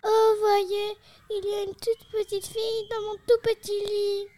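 Un homme qui joue un tout petit ourson gentil dans un conte, d'une voix très aiguë et chantante. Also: male voice, completely flat delivery, mellow. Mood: eager. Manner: squeaky, sing-song, slow. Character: tiny gentle baby bear, small and kind.

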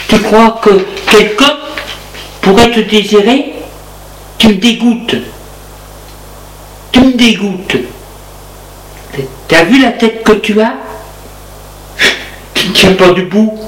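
A man's voice: high-pitched, expressive, slow pace, long pauses, a little hiss or hum, voice pushed up. A man voicing a scornful, furious woman who throws out a drunk lover, repeating her insults with contempt. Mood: contemptuous. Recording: echoey room with music behind.

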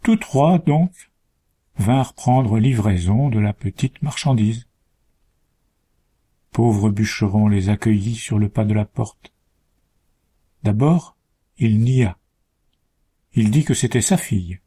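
A man reading a story aloud in a measured, deliberate storytelling manner. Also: on the low side, animated, mellow, breathy edge. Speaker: narrator.

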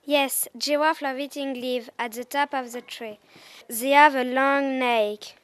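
A woman's voice: sits high, fairly even intonation, a little slow, dry recording. A schoolgirl playing an upbeat zoo guide. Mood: cheerful. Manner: upbeat, giving instructions. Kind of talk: school play acting.

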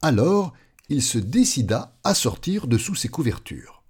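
Storyteller, male, lively, unhurried children's book reading. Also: medium pitch, breathy edge. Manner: expressive, playful.

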